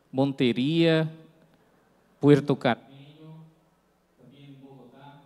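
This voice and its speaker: A Brazilian man, a native Portuguese speaker, giving a conference presentation in halting Spanish mixed with Portuguese, with a Brazilian accent. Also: on the high side, darkish tone, far from the mic. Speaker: conference speaker, agribusiness researcher. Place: large conference hall. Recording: echoey hall with long reverb.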